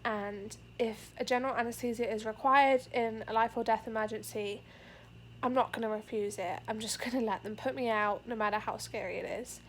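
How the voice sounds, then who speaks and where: Her voice sits on the high side and holds steady as she talks a little fast. A young pregnant vlogger faces her camera for a rambling, earnest update, slightly short of breath and leaning on fillers. The audio is low quality, with some hiss or hum.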